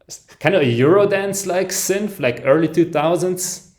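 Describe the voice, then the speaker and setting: Listening to an album live, a male music reaction host comments enthusiastically, letting out soft "ooh"s and chuckles and often breaking off to restart sentences. His voice is high-pitched and his speed normal.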